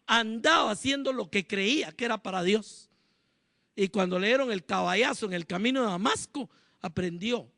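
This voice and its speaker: A man's voice: high voice, pushed and bright, dry recording, studio quality. A man preaching a sermon as pastor, emphatic and often asking the congregation questions.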